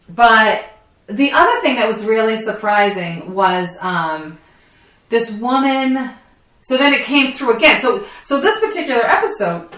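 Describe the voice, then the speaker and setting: A woman co-hosting a podcast, telling stories in a chatty, expressive way. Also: on the high side. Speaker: podcast co-host. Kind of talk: casual chat. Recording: echoey room.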